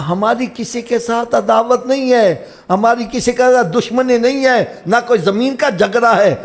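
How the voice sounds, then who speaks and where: A man with a Pakistani Punjabi accent preaching a sermon at a live religious gathering, moving from low explaining to high shouted exhortation.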